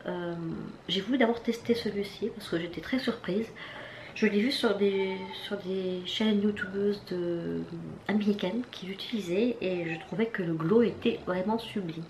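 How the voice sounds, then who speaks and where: A woman's voice: mid-range voice, unhurried, a little mellow. A woman casually reviewing her latest makeup purchases, chatty and hesitant, with lots of fillers and restarts. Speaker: beauty vlogger. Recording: echoey room with faint background noise.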